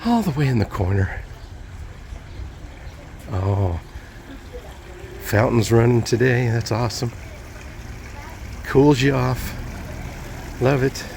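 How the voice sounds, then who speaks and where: A man narrating a casual walking vlog with an easygoing, chatty way of thinking aloud, his voice still rough from the morning. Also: mid-range voice, slow pace, pauses often, darkish tone, slight background noise. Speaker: vlogger. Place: outdoor plazas and market.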